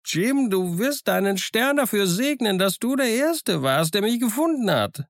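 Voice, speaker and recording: A man voicing a childlike, excitable old castaway sailor who has gone half mad alone, in an eager, wheedling, sing-song way. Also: high-pitched, unhurried, dry recording, studio quality, voice pushed up, full character voice. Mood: excited. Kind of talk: audiobook character voice.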